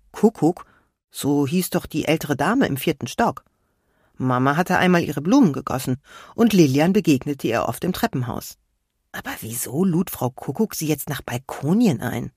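Reading a children's story with lively expression, a woman speaks in a low, slightly husky voice. The recording is close and dry.

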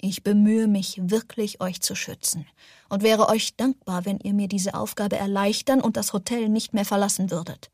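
A woman's voice: mid-range voice, steady tone, normal speed, a little mellow, husky, no room sound, clean studio sound. A woman reading the lines of a stern, cold male official in an audiobook, curt and clipped.

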